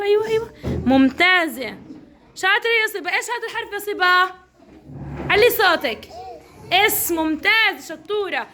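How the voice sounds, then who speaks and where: High bright Levantine woman teacher. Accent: Levantine Arabic. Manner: encouraging, praising each child by name. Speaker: kindergarten teacher. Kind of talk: classroom instruction. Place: classroom.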